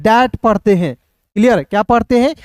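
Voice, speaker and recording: A man's voice: very high-pitched, brisk, darkish tone, clear, resonant tone, dry recording, studio quality. A man teaching beginner English phonics, asking and answering his own questions over and over.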